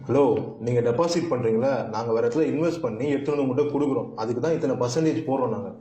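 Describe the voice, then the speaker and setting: A man's voice: medium pitch, racing, dark tone. A man playing a curt, dismissive bank official in a comedic sketch. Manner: dismissive, curt, repeats the rules. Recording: echoey room with faint music.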